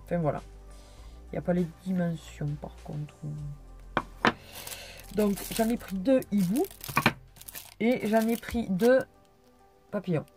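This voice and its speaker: A woman's voice: mid-range voice, slow, pauses often, over music. A tired young woman chatting through a casual haul video, rambling and hesitant with many fillers. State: tired, yawning. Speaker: vlogger.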